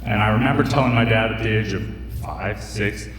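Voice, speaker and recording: A man's voice: fairly low pitch, fairly quick, fairly bright tone, slight background noise. A young man telling a joking, chatty story on stage at a live storytelling event, full of fillers and asides. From United States. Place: stage in a hall with a live audience. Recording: echoey hall picked up from a distance, crowd audible.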